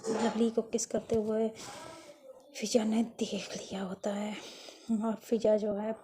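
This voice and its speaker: A woman's voice: medium pitch, little pitch movement, takes it slowly, dark tone. A woman telling a school romance story in a casual spoken way, retelling each character's lines with "so she says" and frequent restarts.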